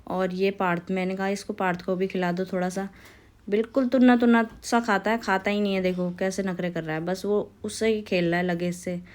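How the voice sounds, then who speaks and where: A woman's voice: mid-range voice, fairly even intonation, fairly quick, a little mellow. A young woman from India with a Pahari Hindi accent, vlogging casually at home with a phone camera, chatting and cooing at her toddler.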